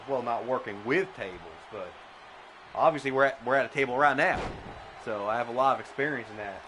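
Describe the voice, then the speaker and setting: Deadpan joking wrestling commentator man. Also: mid-range voice. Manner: deadpan absurd banter, stammering restarts. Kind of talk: comedic play-by-play commentary. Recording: noisy background.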